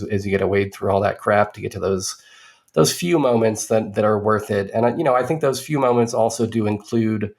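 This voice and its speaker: A man's voice: lowish voice, creaky, a little mellow. A man co-hosting a podcast, giving a casual movie review in a rambling way with dry, sardonic asides.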